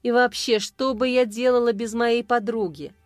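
A woman's voice: a little high, steady tone, normal speed, dry recording, clean studio sound, close to an everyday voice. A woman reading a wronged, tearful young wife. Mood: warm. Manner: pleading, rising to cries.

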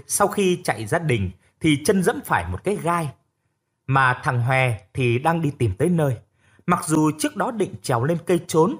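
Husky guy reading an audio story, very up and down, faint music behind. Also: fairly high pitch. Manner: expressive storytelling. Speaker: audiobook narrator. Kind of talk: first-person story narration.

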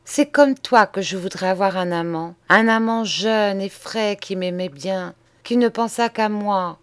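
A woman's voice: mid-range voice, unhurried, dry recording, natural voice. A woman reader voicing an ardent young woman lover who pleads tenderly and breathlessly. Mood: yearning.

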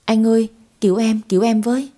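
A woman voicing a spiteful young woman who scolds sharply and fast. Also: mid-range voice, warm tone, breathy edge, close to an everyday voice. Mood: whiny pleading.

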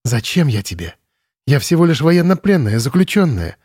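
A man reading the part of a quiet, defiant young woman prisoner of war in an audiobook, speaking calmly and softly. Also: a little high, normal speed, breathy edge, no echo, studio quality. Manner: calm, soft, steady.

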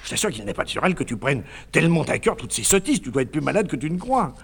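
A man's voice: a little high, sing-song, fast, creaky, a bit bright, breathy edge, full character voice. A man playing a naive, doting man who fusses tenderly over a woman, in a 1950s stage comedy recording. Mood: consoling. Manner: tender, fussing and chattering. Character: doting, fussy, naive middle-aged man.

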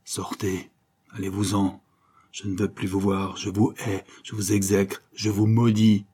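A man reading aloud voices a cynical, vengeful banker villain with a raspy voice, scornful and threatening. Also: fairly low pitch, expressive, moderate pace, warm tone. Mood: hateful.

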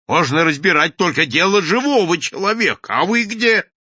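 A man voicing a hot-tempered, pompous office boss who brushes off an employee in officious, loud tones. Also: sits high, expressive, moderate pace, no echo, highs cut off, pitched above the performer's own voice, exaggerated voice.

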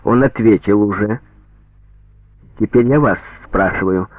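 A man voicing a stern gendarme interrogator with sharp, pressing questions, on a tinny radio recording. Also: on the low side, unhurried, dry recording. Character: stern male gendarme interrogator, mocking and harsh.

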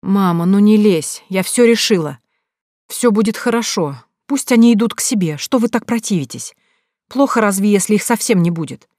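A woman's voice: mid-range voice, animated, normal speed, darkish tone, dry recording, clean studio sound, pitched above the performer's own voice, natural voice. A woman reading an audiobook, voicing a stubborn young village woman who pleads and argues in a raised voice. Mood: pleading.

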